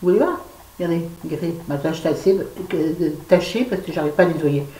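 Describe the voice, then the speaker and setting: A woman's voice: on the low side, brisk, dark tone. Frank, chatty woman in her fifties. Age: 50s. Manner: frank, chatty, self-mocking, rambling. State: stressed and irritable. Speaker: vlogger. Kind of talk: casual unboxing chat to camera. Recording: echoey room with faint ambience.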